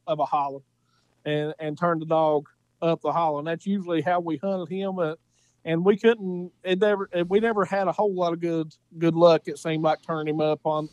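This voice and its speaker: A man's voice: fairly high pitch, darkish tone, dry recording, rough recording. A man with an Appalachian accent talking casually as an interview guest, telling hunting stories in a folksy way and repeating phrases for emphasis. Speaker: podcast guest, coon hunter.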